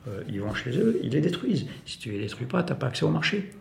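A man giving an emphatic, off-the-cuff explanatory talk on a political matter, stressing some phrases and dropping others low. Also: very animated, fast, vocal fry, a little mellow, a little hiss or hum. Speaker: farmer speaking as an activist. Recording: echoey room recording.

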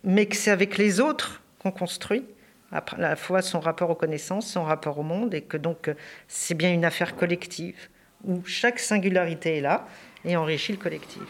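A woman's voice: fairly low pitch, normal speed. A woman educator explaining her views in an interview, thoughtful, with hesitations.

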